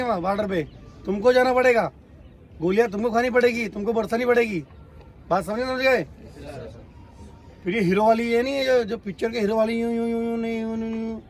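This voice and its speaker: High-voiced man lecturing trainees. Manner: scolding, repeatedly asks "got it?". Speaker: physical training coach. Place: outdoor training track.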